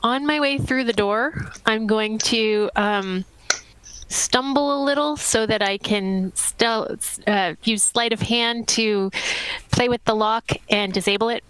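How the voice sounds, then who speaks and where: A woman's voice: fairly high pitch, slow, fairly bright tone, clean tone, dry recording, low-quality recording. A woman playing a tabletop game who explains her character's actions step by step. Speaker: player.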